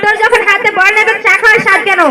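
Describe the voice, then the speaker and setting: A woman's voice: very high-pitched, flat delivery, very fast. A woman playing a cruel young daughter-in-law who scolds harshly and gives orders. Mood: scolding. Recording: loud crowd noise behind.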